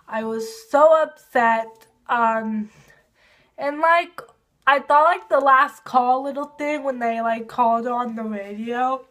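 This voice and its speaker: A woman doing a casual video review of a TV episode, gushing and excitable, with lots of fillers. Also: sits high.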